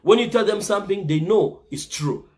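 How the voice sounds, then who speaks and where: This Congolese man, a vlogger, speaks in a fairly high, slightly mellow voice at normal speed. He offers viewers earnest, casual life advice and keeps checking in with "right?".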